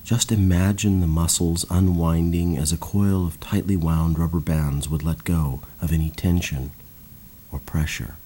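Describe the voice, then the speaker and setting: Low husky guy talking you through a body relaxation, calm and slow. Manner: slow, calm, soothing instructions. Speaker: meditation guide. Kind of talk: guided relaxation narration.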